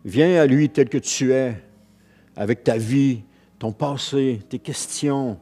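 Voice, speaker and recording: A man's voice: mid-range voice, slow, dark tone, slightly rough, faint music behind. A man with a Quebec French accent preaching a sermon as pastor, earnest, repeating phrases and restarting lines as he goes.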